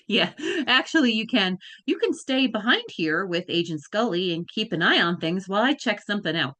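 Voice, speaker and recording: A woman reading the part of a wry male FBI agent with dry, deadpan wit. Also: medium pitch, normal speed, no room sound. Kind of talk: dramatic script reading.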